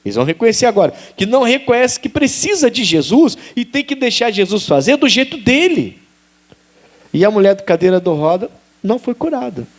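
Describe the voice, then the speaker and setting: A male pastor preaching a sermon, animated, rising to sharp high exclaims and acting out dialogue. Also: brisk. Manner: acts out quoted dialogue.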